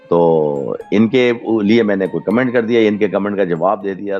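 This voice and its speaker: A man hosts a casual horror podcast, his voice low and easygoing as he thanks listeners one by one. The recording is dull and lo-fi, with faint music under it. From Pakistan. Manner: relaxed, chatty, mixes in English thank-yous. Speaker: podcast host. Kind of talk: casual chat reading listener comments.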